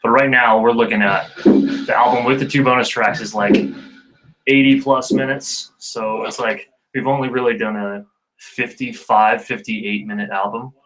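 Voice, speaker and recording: A man's voice: medium pitch, fairly even intonation, moderate pace, a bit bright, slight background noise, rough recording. A man from a band casually chatting on a studio livestream, laughing often and rambling through restarts. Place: recording studio with drums being tracked.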